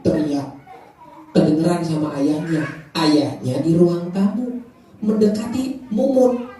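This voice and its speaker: A woman's voice: on the low side, measured pace, dark tone. A woman telling a story live to children, playful and leading them through hand movements. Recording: echoey room from far off, kids and music behind.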